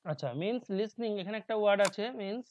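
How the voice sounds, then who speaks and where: A man with a Bengali accent teaching an exam-prep lesson. He reads English answer options aloud slowly and often trails off into low asides. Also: a little hiss or hum. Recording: dull dry lo-fi recording.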